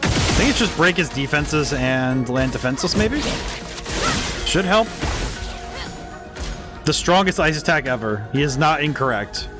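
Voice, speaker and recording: A man with a fairly high, very lively voice commentating casually on a game he is streaming. He thinks aloud with enthusiasm, and faint music plays behind him. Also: unhurried, pauses often.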